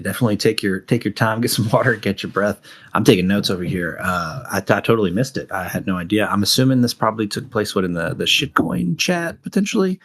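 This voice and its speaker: A man co-hosting a casual podcast, relaxed and friendly, with lots of "uh" between his phrases. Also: on the low side. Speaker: co-host.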